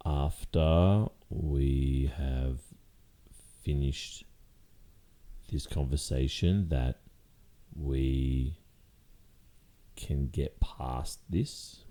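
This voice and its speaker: A man playing a guilty boyfriend in an ASMR role-play, speaking haltingly and carefully with long pauses. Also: rumbling low, mellow, heavily acted. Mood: hesitant, apologetic. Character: hesitant guilty boyfriend confessing, soft and careful.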